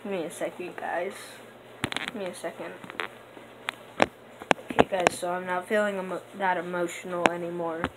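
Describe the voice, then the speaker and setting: A woman's voice: fairly low pitch, moderate pace, long pauses. A young woman hosting her gaming channel, rambling and hesitant with many fillers while she gives casual commentary over gameplay. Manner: bursts into excited gasps during play. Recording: noticeable background noise.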